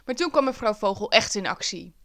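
A woman, a teacher herself, telling a story from her school days. She sounds wry and lively and pokes fun at herself, with a voice of middling pitch. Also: a little fast. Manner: wry, lively, self-mocking. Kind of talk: personal storytelling.

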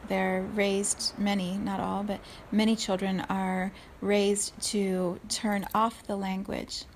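A South African-raised woman in her forties gives an unhurried, thoughtful solo talk, softly laughing at herself from time to time. Her mid-range voice stays level in tone. A little hiss or hum sits under the recording.

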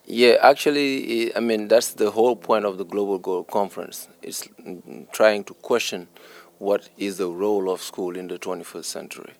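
A man's voice: on the low side, normal speed, darkish tone. A man from Senegal with a Senegalese accent, an English teacher answering interview questions earnestly, stressing points through repetition.

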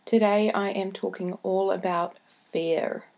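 Female podcast host, broad Kiwi accent, slow and deliberate, medium pitch, motivational advice straight to listeners. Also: fairly even intonation, darkish tone, a little hiss or hum, poor audio. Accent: broad New Zealand (Kiwi). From New Zealand. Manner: deliberately slowed, careful delivery with repeated key points.

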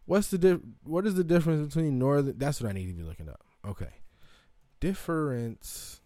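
A man's voice: a little high, very animated, quick pace, mellow, dry recording, studio quality. A young man hosting a casual comedic monologue, rambling and profane with lots of ums and asides. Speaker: show host.

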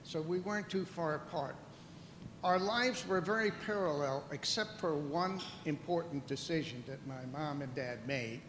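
An older man from the Netherlands, a guest telling his life story calmly and reflectively on stage. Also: on the high side, normal speed. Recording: echoey hall with long reverb, faint noise.

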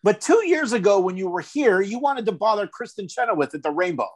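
Lively, joking podcast host man. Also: sits high, brisk. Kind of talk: casual podcast chat.

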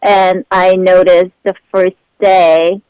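A woman's voice: lowish voice, little pitch movement, slow, darkish tone, clean tone, no room sound, low-quality recording. A young woman from the Philippines chatting as a guest, talkative and loose, with many fillers and laughs. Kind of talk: casual chat.

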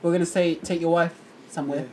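A man's voice: on the high side, fairly even intonation, fast talker, over a noisy crowd, low-quality recording. A young man, co-hosting a casual podcast and needling his friends in slangy chat. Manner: teasing, slangy. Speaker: podcast co-host. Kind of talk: casual banter among friends.

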